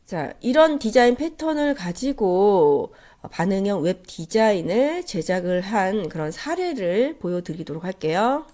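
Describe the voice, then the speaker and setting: Female lecturer, congested and nasal from a head cold, animated pitch movement, courteous step-by-step teaching delivery. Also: a little slow, few pauses. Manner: polite, explanatory. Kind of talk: instructional slide lecture.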